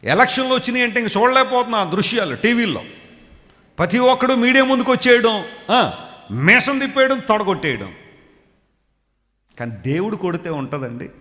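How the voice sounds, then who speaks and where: A man's voice: sits high, very animated, a little fast, long pauses, pushed and bright. A man preaching a sermon, telling stories and asking his listeners questions directly. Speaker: pastor. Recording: long hall reverb.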